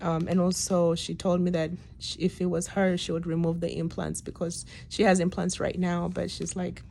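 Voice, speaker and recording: A woman's voice: fairly low pitch, level tone, moderate pace, gravelly, darkish tone. A woman in her late thirties giving a casual, reflective video diary, sounding weak and tired after surgery, with hesitant, trailing phrases. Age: late 30s. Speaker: patient giving a personal health update. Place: hospital room. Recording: noticeable background room noise.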